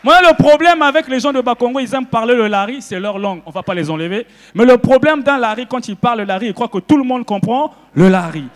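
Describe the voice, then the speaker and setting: A man from Congo performs stand-up on a festival stage, his voice sitting high. He talks in an animated way and keeps breaking into loud, shouted character bits. The sound carries a long reverb from the hall. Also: fast, hardly any pauses, some chatter behind. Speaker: stand-up comedian. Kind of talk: stand-up comedy. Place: festival stage before a live audience.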